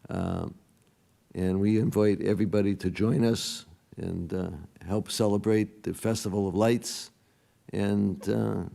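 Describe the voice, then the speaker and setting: Male councilor, hoarse raspy whisper edge, gravelly and low, hesitant public remarks. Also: fairly even intonation, warm tone. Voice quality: raspy, strained, partly whispery. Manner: halting, hesitant delivery. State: hoarse, recovering from a lost voice. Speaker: city councilor.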